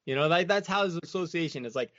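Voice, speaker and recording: Talking fast in a slightly high, somewhat bright voice, this American man is an interview guest in a casual, reflective conversation. He rambles loosely, leaning on "like" and "you know." The sound is dull, dry and lo-fi.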